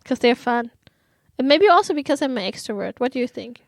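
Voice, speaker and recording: A woman co-hosting a podcast, chatting casually with a playful, teasing manner. Her voice sits a little high. The recording is dry and close. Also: expressive, brisk, gravelly, dry recording. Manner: playful, teasing, laughs often. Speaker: podcast co-host. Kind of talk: casual chat.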